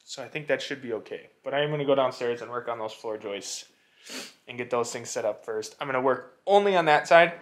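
A man's voice: mid-range voice, a little fast. A man vlogging a do-it-yourself barn renovation, talking to camera in a casual, unsure way and thinking aloud as he goes. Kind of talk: casual walkthrough talk to camera. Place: inside an old barn.

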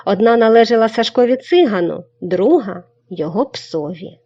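A woman reading a children's story aloud with expressive storybook narration. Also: fairly high pitch, moderate pace. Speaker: reader. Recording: dull lo-fi recording.

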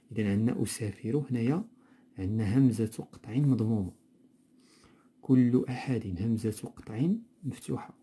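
A man with a Moroccan accent teaching a grammar lesson from a textbook, explaining slowly and repeating words. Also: medium pitch, mellow, slightly rough. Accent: Moroccan Arabic. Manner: explanatory, repeats words slowly, mixes dialect with standard Arabic.

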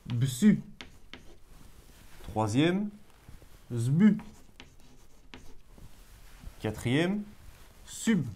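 Male math teacher in a classroom lesson, animated pitch, unhurried delivery, coaxing students along. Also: slight background noise. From Belgium. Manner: lively, coaxing, talks to students directly.

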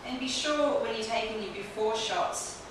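A woman's voice: on the high side, normal speed. Woman teaching in an echoey clinic room. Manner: explains step by step while working on a client. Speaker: trichologist demonstrating a technique. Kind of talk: hands-on instructional demonstration. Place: small bright clinic room. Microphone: camera mic from across the room. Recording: roomy echo from a distant camera mic, clear background hiss.

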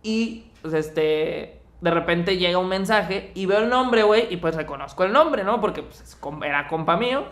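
Man, Mexican Spanish accent, young adult, high and bright voice, casual slangy podcast storytelling. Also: normal speed, hardly any pauses. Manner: animated, slangy storytelling with acted-out quotes. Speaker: podcast co-host.

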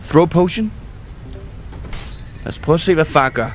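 A high-pitched man talks through a game with quick excitement. He reads the on-screen text aloud and sprinkles in English gaming words. Soft music plays faintly behind his desk-mic voice. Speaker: gaming YouTuber. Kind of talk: excited gameplay commentary.

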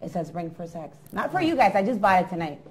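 A woman interviewer with a lively, bouncing voice, teasing her guests in a playful way. Crowd chatter is heard behind her in the room. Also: lowish voice, fast talker. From Miami. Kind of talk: casual interview.

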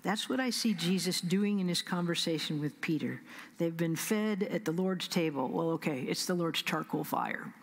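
A middle-aged woman pastor with a Midwestern American accent, preaching a sermon at a pulpit microphone, measured and emphatic, with slow pauses and soft whispered asides. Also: on the low side, husky. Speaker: senior pastor. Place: large church sanctuary. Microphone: pulpit stand mic. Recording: long church reverb.

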